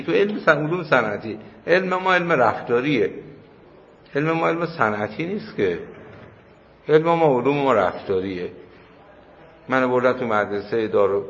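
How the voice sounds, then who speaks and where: Low-voiced cleric lecturing in a hall. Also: male voice. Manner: conversational, anecdotal, emphatic repetition. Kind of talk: religious lecture. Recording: muffled hall recording with faint noise.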